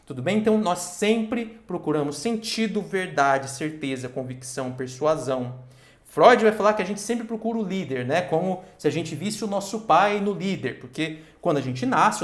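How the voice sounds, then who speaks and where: A man giving a lecture, asking himself questions aloud and often checking in with his listeners. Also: high voice. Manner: asks himself questions aloud and answers them. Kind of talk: recorded online lecture. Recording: roomy echo.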